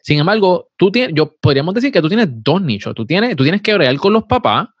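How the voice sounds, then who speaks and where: Man, podcast host, affirming, mid pitch, dry and slightly muffled sound. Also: very animated, fairly quick, husky, no echo. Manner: affirming, asks questions, fillers. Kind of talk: conversational podcast interview.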